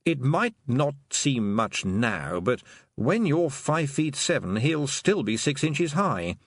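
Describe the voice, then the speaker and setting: A man voicing a dry, unhurried male talking toad that speaks slowly and deadpan. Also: lowish voice, no echo, heavily acted.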